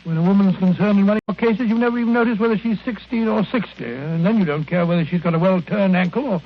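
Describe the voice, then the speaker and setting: An actor playing a blustering, indignant British doctor sidekick in a radio drama, huffy and stammering. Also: male voice, sits high, fast talker, lightly acted. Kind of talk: mid-century radio drama acting. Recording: dull, noisy old radio recording.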